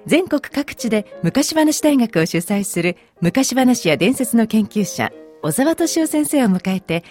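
Polite woman radio host with lively intonation. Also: on the high side, a little slow, faint music behind. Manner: polite, attentive, steady short backchannels. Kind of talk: radio program hosting.

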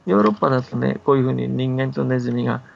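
Racing along in a gravelly, medium-pitched voice over soft background music, an older man casually explains folktales on the radio. He is patient, speaks as a scholar, and often checks that the listener agrees. The recording is dull, band-limited and faintly noisy.

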